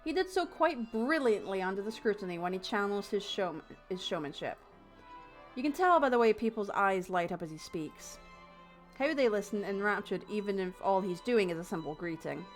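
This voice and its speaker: A woman's voice: mid-range voice, expressive, normal speed, soft background music. A woman streaming a story game, reading its text aloud and adding playful, sarcastic remarks. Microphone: desk mic, no headphones.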